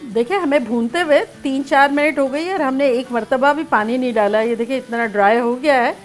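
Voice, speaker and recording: Soft music underlies a high-voiced woman hosting a cooking show at normal speed. She demonstrates home cooking in a chatty, playful way, narrating each step and occasionally singing snatches of songs.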